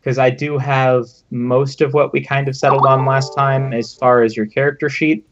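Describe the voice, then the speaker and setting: A man on a video call, casually and helpfully talking a friend through software settings step by step. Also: mid-range voice, flat delivery, normal speed, a little hiss or hum. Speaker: player in an online tabletop group. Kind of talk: casual chat. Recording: dull lo-fi call audio with faint piano.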